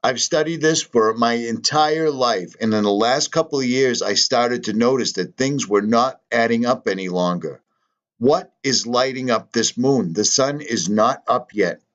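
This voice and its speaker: A man's voice: medium pitch, a bit bright, highs cut off. A man, talking casually in a vlog and pressing rhetorical questions. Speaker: channel host.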